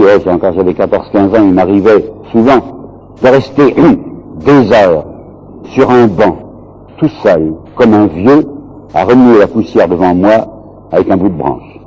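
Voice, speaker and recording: A low, mellow male voice giving a history lecture, carried on a muffled, lo-fi radio recording. He tells the story like a storyteller, slowing down to read quoted lines with weight. His voice has a slightly husky edge. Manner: storytelling, quoting texts aloud with emphasis.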